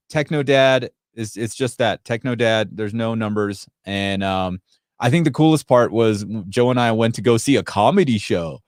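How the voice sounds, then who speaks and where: Clean studio sound with no echo carries this man's medium-pitched, clean-toned voice. Born in Sri Lanka, he runs a laid-back tech livestream where he reads viewers' comments. He rambles and chats, with lots of fillers and restarts.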